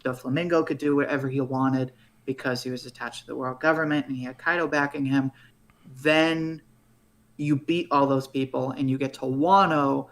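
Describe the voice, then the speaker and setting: A man's voice: mid-range voice, steady tone, moderate pace, fairly bright tone. Man hosting a casual anime stream. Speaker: stream host. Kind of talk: casual anime theory chat.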